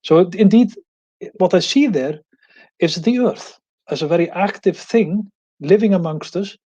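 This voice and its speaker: A man's voice: high-pitched, measured pace, dark tone, slightly rough. A man from Iceland, a professor giving an enthusiastic academic presentation over a video call. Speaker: guest professor.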